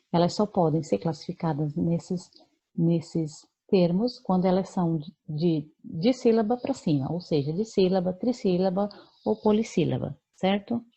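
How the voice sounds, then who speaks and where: A woman's voice: lowish voice, warm tone, breathy edge, muffled recording. A Brazilian woman teaching a remote lesson, explaining patiently with many fillers and check-ins to her students. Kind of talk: remote lesson correcting homework.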